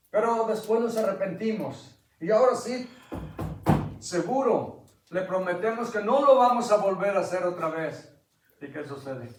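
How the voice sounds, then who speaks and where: Impassioned preacher, echoey distant church. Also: male voice, high-pitched. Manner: impassioned, quizzes the congregation, builds to loud climaxes. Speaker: pastor. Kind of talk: sermon with Bible reading. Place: church sanctuary.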